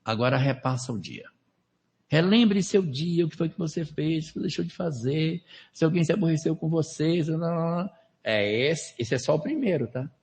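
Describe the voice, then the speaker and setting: A man's voice: a little high, lively intonation, normal speed, darkish tone. Man giving a spiritual seminar talk. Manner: conversational, rhetorical questions, numbered steps. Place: lecture hall at a spiritist center.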